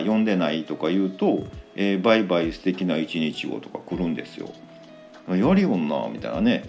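A man with a very deep voice and a Kansai accent, chatting alone as a show host. He rambles and fills gaps with lots of fillers, and his pitch swings widely. Faint music runs under his talk. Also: a little mellow. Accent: Kansai Japanese. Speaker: podcast host. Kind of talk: casual solo chat.

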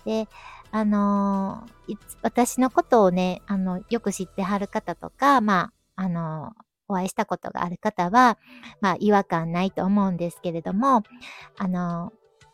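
A woman's voice: medium pitch, a little slow, dry recording, soft background music. A woman with a Kansai accent hosting a podcast, chatting casually but politely, with some standard-Japanese intonation mixed in. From Kyoto, Japan. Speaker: host of a travel podcast.

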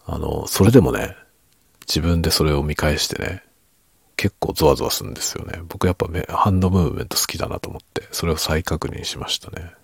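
A middle-aged man murmurs a casual late-night chat meant for sleep. His voice is extremely deep, with a gravelly fry, and often thins into a whisper as sentences trail off. It is unhurried and soft, recorded dry and close. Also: dry recording. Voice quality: husky, low murmur drifting into whisper. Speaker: podcast and ASMR creator.

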